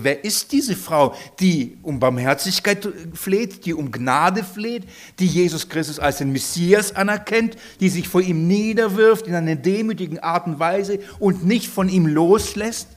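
Impassioned male preacher, fairly high voice. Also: animated, a little slow. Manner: impassioned, restarts and repeats phrases. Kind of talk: sermon.

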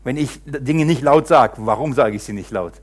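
A man preaching a sermon to a congregation. He speaks fervently, repeats phrases for emphasis, addresses his listeners directly, and swings between loud emphatic bursts and quiet low asides. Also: moderate pace.

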